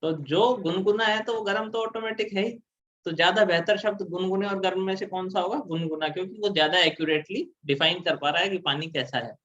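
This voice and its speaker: Male tutor, somewhat high-pitched, patient explanatory lecture style, muffled low-fidelity audio. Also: fairly quick, a bit bright. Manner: explanatory, asks and answers his own questions. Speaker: teacher. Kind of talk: exam prep grammar lecture.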